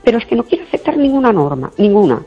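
An older woman chatting casually, telling stories in an outspoken, indignant way and often clearing her throat. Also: medium pitch, very animated, rapid-fire. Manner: outspoken, indignant, acts out quoted dialogue. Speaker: guest in a conversation. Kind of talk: casual chat, storytelling. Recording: dull lo-fi recording, faint music behind.

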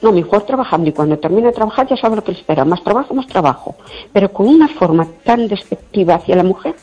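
An older woman chatting casually, telling stories in an outspoken, indignant way and often clearing her throat. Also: mid-range voice, expressive, fast, warm tone. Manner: outspoken, indignant, acts out quoted dialogue. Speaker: guest in a conversation. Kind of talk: casual chat, storytelling. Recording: dull lo-fi recording, faint music behind.

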